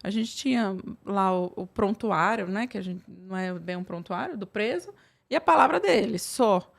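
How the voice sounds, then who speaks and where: A woman's voice: mid-range voice, animated, moderate pace, gravelly. Brief: woman, 30s, psychiatrist guest, chatty storytelling, lots of fillers. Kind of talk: casual interview talk.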